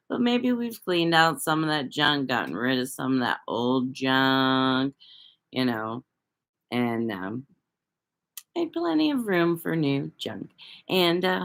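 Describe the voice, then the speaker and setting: A woman's voice: a bass voice, creaky, fairly bright tone. A woman hosting a casual livestream, talking loosely to viewers, rambling and swearing freely. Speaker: livestream host reading viewer chat.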